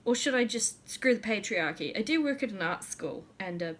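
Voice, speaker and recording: With a medium-pitched, fairly bright voice, a young New Zealand woman talks animatedly at a normal speed in a casual vlog chat. She's giggly and slightly tipsy, laughing often and cursing without restraint.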